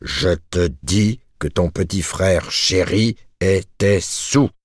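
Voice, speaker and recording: A man's voice: sits low, slow, no echo, studio quality. A man voicing a cold, vindictive middle-aged shopkeeper husband who hammers every word. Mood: cold, scolding.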